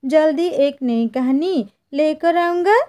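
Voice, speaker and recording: Slow, mournful woman storyteller. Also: high-pitched, darkish tone. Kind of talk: emotional story narration.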